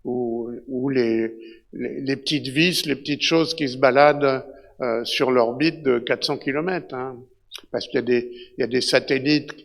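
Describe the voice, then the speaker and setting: A middle-aged man lectures an audience in an unhurried explanatory way, with frequent fillers and small asides. His voice has a gravelly, creaky edge at an ordinary middle pitch. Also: steady tone. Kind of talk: conference talk with slides.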